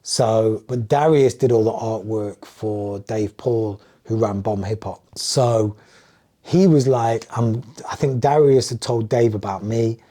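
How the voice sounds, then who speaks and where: In a slow, lowish voice, this English music producer, middle-aged and English-accented, chats casually as a podcast guest. He tells stories with animation, voicing the lines of the people involved.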